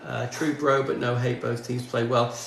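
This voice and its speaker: A music streamer from northwest England chats casually on his livestream, answering comments while he works in his indoor home studio. His medium-pitched voice has a flat delivery, normal speed, vocal fry and a fairly bright tone. He's recorded off mic from a distance in a very echoey room with faint background noise.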